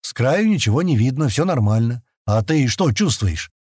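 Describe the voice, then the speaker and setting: A man doing a gruff, grumbling spacer. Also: mid-range voice, sing-song, normal speed, a little mellow, no echo, clean studio sound. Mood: reluctant. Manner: grumbling, curt replies. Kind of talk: audiobook character voice.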